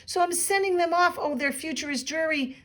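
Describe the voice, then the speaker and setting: A woman's voice: extremely high pitch, brisk, a bit bright, voice pushed up. A woman voicing an indignant creature who guards the trees, scolding in emphatic rhyme from a storybook. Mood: mournful, scolding.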